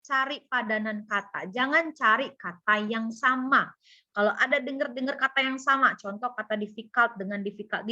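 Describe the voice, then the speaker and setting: A woman's voice: a little high, pushed and bright. A woman English teacher with an Indonesian accent, giving an online class lecture and repeating each point in two languages. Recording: dull lo-fi audio.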